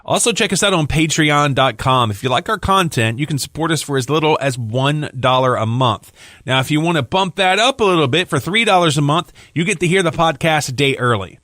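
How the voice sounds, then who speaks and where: A man's voice: on the high side, animated, a little fast, bright, forceful tone, dry recording. Male co-host, chatty and loose, tired, dry close mic. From Louisiana. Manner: chatty, loose, with filler words. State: tired, yawning. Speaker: podcast co-host. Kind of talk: casual podcast chat, reading sponsor plugs.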